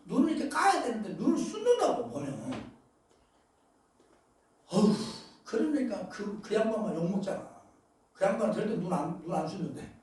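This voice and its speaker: A male pastor preaching a sermon, emphatic, with loud bursts and asides, often questioning his congregation. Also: high voice, sing-song, moderate pace, pauses often. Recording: very echoey hall, voice far from mic.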